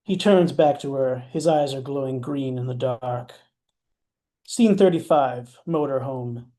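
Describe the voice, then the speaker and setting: Man with a dark, mellow narrating voice. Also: medium pitch, measured pace. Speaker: narrator reading stage directions. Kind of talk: scripted narration.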